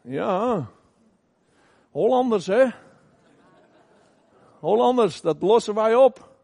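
A middle-aged man preaching an emphatic sermon in a church, asking the congregation questions and sometimes shouting. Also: sits high, animated, takes it slowly, vocal fry. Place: church hall. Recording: long reverb of a church hall.

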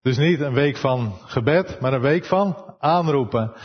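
A Dutch man preaching a sermon, soft-spoken and unhurried, pausing and searching for words as he goes. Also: mid-range voice, lively intonation, breathy edge, big-room sound, dull audio. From Netherlands.

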